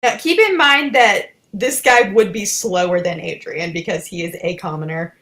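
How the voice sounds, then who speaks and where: A woman's voice: mid-range voice, moderate pace, fairly bright tone. A woman running a tabletop game as game master, easygoing and chatty.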